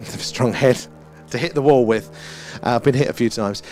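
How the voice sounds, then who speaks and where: At a moderate pace, a British man talks in a mid-range, darkish voice while soft music plays underneath. His livestream chat is casual and wandering, musing and loosely philosophical, with mild swearing.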